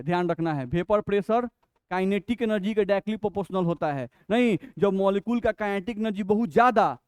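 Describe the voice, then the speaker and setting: A man with a Bihari Hindi accent gives a chemistry lecture in a high, smooth voice. He works through each point patiently, putting questions to the class and answering them himself. The recording is close and dry. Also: darkish tone, dry recording. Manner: explains step by step, asks and answers his own questions; reads English definitions slowly and deliberately. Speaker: chemistry teacher.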